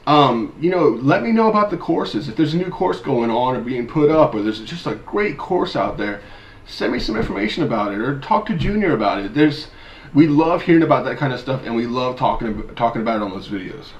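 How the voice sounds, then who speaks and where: A man's voice: mid-range voice, big pitch swings, fairly quick. Chatty man in his thirties, echoey room. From mid-Michigan, USA. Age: 30s. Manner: chatty, upbeat, addresses viewers directly. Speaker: disc golf channel host. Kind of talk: casual weekly news vlog.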